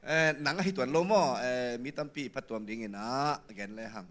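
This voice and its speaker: Guy giving singing feedback, voice jumps all over, bright and edgy. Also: medium pitch, animated, quick pace.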